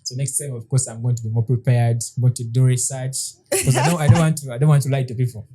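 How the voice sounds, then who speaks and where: A man in his thirties co-hosting a podcast in casual chat, hesitant, with frequent restarts and soft laughs. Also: medium pitch, fairly even intonation, quick pace, slight background noise. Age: 30s. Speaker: podcast co-host.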